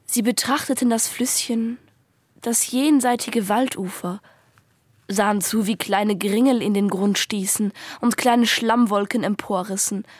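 A woman reading a story aloud for radio in a calm, even manner. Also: mid-range voice, a little slow, no echo. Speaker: reader.

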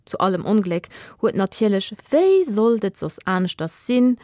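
A woman narrating a children's radio story in a lively reading voice, giving the characters their own voices. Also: mid-range voice, measured pace, dry recording, studio quality.

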